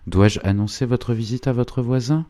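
A man's voice: medium pitch, normal speed, dark tone, no room sound, voice pushed up, lightly acted. A man voicing a proud, stubborn old noblewoman with a strident, curt way of speaking, in an audiobook reading. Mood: haughty. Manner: dry, curt replies.

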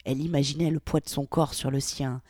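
A woman narrating a novel aloud in a measured storytelling manner. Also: extremely low pitch, fairly even intonation, darkish tone, dry recording, studio quality. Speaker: audiobook reader. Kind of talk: scripted narration.

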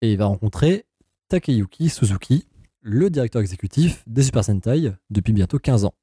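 A man's voice: fairly low pitch, lively intonation, moderate pace, dark tone, breathy edge, dry recording, clean studio sound. A man co-hosting a casual chat, eagerly explaining the story with many hesitations and comments of his own. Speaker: podcast co-host.

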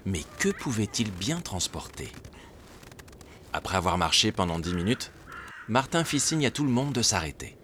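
Low lively guy reading a kids story, lots of hiss in the recording. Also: moderate pace. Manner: expressive, lilting. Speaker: narrator. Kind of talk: storybook narration.

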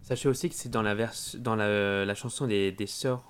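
A man's voice: lowish voice, normal speed, slight background noise. French man sharing trivia casually. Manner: relaxed, chips in with facts. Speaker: podcast co-host. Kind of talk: casual chat.

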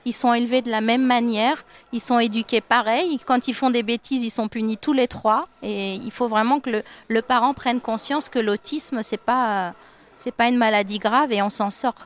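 A woman's voice: fairly high pitch, fairly even intonation, normal speed. A woman, a mother of three, speaking earnestly and plainly. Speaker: guest mother. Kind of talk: earnest personal testimony.

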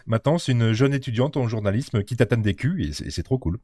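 A man co-hosting a podcast review, still a bit sick with a slight cough, steady run-on delivery. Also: medium pitch, fast talker, dry recording, studio quality. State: recovering from illness, slight cough. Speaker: podcast co-host. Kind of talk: casual review chat.

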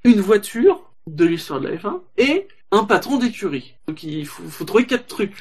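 A man on a panel show, talking quickly and casually and often laughing along. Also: sits high, sing-song, breathy edge. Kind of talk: casual podcast discussion.

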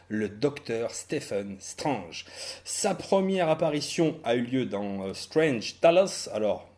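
A man hosting a casual podcast chat, animated and self-mocking, swearing freely. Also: medium pitch. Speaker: podcast host.

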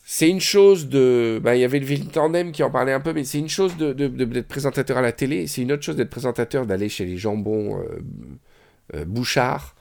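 A man with a gravelly, fry-laden voice hosts a casual podcast chat. He tells long, winding stories with enthusiasm, breaking them up with frequent fillers and restarts. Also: medium pitch, a little fast, darkish tone. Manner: rambling, enthusiastic storytelling with many fillers. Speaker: podcast host.

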